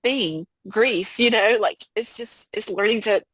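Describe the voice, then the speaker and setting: A woman guest on a podcast, speaking about a personal loss in a halting way, full of fillers and restarts. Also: medium pitch, a bit bright, slightly rough. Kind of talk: emotional personal conversation.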